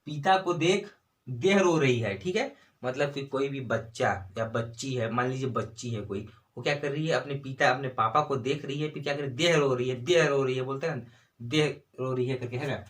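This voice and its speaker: Speaking at a moderate pace in a mid-range voice, this man teaches exam preparation with a Chhattisgarhi Hindi accent. He keeps asking and answering his own questions, with repeated tags of "ठीक है" and "है ना".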